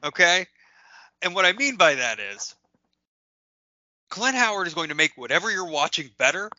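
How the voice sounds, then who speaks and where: A man's voice: high-pitched, very animated, normal speed, bright, forceful tone, dry recording. A man co-hosting a podcast, chatting eagerly about a movie with stammered restarts and lots of "like.". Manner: enthusiastic, stammering restarts, says "like" a lot. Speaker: podcast co-host. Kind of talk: casual movie review chat. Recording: dry, dull lo-fi podcast audio.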